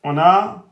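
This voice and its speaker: A man teaching Arabic reading in a live online lesson, speaking at a very slow, deliberate pace in a somewhat higher voice. He breaks each word into letters and vowels and says it again and again. The sound is echoey, as if in a bare room. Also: fairly bright tone. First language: French speaker teaching Arabic. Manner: spells out letters and vowels slowly, repeating words.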